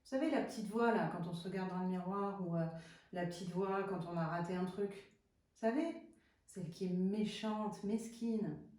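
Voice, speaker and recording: A woman's voice: mid-range voice, moderate pace, a little mellow. A woman sophrology coach giving a chatty, hesitant instructional talk to viewers. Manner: chatty and hesitant, many fillers and restarts. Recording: very echoey room, far from the mic.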